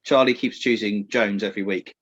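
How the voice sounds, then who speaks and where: A man's voice: lowish voice, steady tone, a little fast, husky, dull audio. A man co-hosting a casual football podcast over a video call, chatty and teasing, laughing often. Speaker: podcast co-host.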